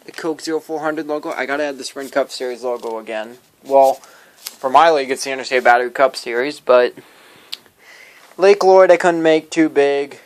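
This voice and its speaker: A man's voice: on the high side, a little hiss or hum. A man casually showing his hobby collection to viewers, rambling and stumbling over his words as he goes. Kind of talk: casual show-and-tell vlog.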